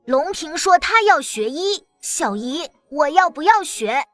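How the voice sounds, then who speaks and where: A cheeky little boy about to start kindergarten, voiced by a woman in a cartoon drama. His voice is very high and leaps all over, with a chatty, blunt, childlike way of talking. Soft music plays behind him. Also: very animated, measured pace, no room sound. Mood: chirpy. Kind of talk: animated drama dialogue.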